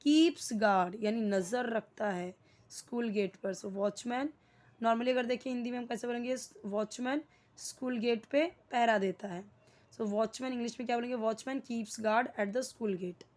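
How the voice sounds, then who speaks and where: A young woman teaching English grammar with an Indian English accent. Her voice sits a little higher than most women's. She explains each point patiently and quizzes her listeners as she goes. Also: fairly even intonation, a little mellow. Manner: explains slowly, checks with questions and repeats key words. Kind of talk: Hindi-medium English grammar lesson.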